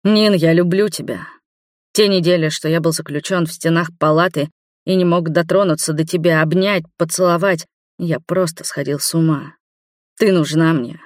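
A reader voicing an earnest older man, just out of hospital, pleading softly. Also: a little high, steady tone, normal speed, no echo, studio quality, close to an everyday voice. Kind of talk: audiobook dialogue.

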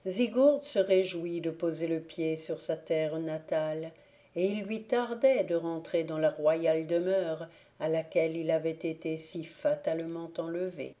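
A woman reading a fairy tale aloud for an audiobook, telling it slowly and evenly. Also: deep voice. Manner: slow, even storytelling. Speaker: audiobook reader.

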